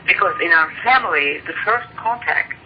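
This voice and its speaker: Heard through a muffled phone line with faint hiss, a Turkish-accented woman from Turkey, whose native language is Turkish, explains her work earnestly as a guest author and ufologist. Her voice is fairly low and expressive, at a moderate pace.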